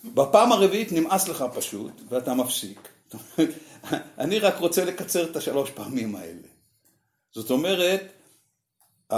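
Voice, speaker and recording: A man leads a meditation group and thinks aloud as he explains, pausing often. His voice sits a little high and moves a lot in pitch. The room around him rings with echo. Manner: reflective, explains with fillers and pauses. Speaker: meditation teacher. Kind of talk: teaching a group discussion. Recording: echoey room.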